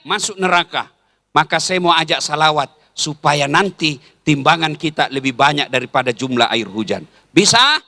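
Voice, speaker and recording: An Islamic preacher delivers a humorous sermon to a large religious gathering, joking, teasing the crowd, and leading it in chants. His voice is a little high and bright with a forceful tone, and there's no echo.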